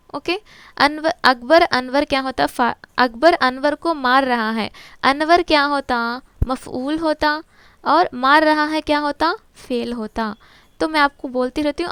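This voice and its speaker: A woman's voice: sits high, a bit bright, no room sound. A woman teaching Urdu grammar from a textbook, patiently asking questions and answering them herself, with English words mixed in. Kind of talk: explaining a textbook to students.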